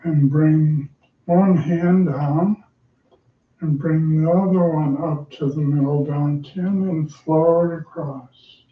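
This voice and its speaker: A man teaching qigong, giving serene, measured and gently instructive movement cues, recorded in a dull, distant, roomy sound. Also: on the high side, fairly even intonation. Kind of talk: guided tai chi and qigong movement cues.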